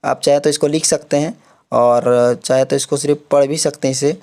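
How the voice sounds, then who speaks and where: A man's voice: a little high, steady tone, normal speed, a little mellow. A young man giving a casual exam-prep lecture, filling his explanations with repeated check-ins and English terms. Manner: repeats "theek hai" often, mixes English terms into Hindi. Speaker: online exam-prep tutor.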